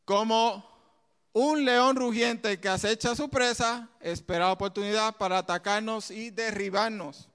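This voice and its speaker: A man preaching a sermon in an animated way, with side remarks and laughter. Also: high-pitched, moderate pace, clear, resonant tone, in a large hall.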